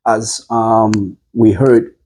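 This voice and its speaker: A man with a mellow, somewhat husky voice leads a casual discussion about parenting. He speaks in a measured way, thinking out loud and circling back on his phrasing with ums and restarts. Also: fairly low pitch, level tone, rough recording.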